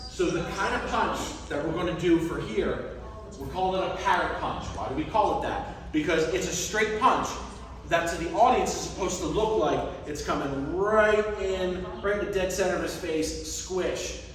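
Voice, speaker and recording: A man's voice: high voice, normal speed, a bit bright. A man teaching a hands-on workshop to a group, explaining step by step and checking that they follow. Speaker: stage combat instructor. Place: large echoey indoor hall. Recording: very echoey hall, distant microphone.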